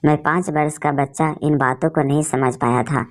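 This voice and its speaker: A woman narrating an emotional story in a steady, feeling storytelling manner. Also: deep voice, normal speed.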